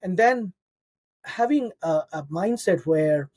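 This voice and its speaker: A man with a higher, mellow voice and a husky edge reflects aloud in a podcast interview. He works through his ideas and keeps tagging his phrases with a "right?". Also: expressive, slow pace. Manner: reflective, frequent "right?" tags. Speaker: executive guest.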